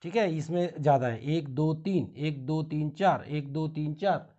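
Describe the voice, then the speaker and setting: A man with an Indian accent teaching English grammar in a classroom, explaining slowly in Hindi mixed with English and spelling words out. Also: fairly high pitch, warm tone, muffled recording.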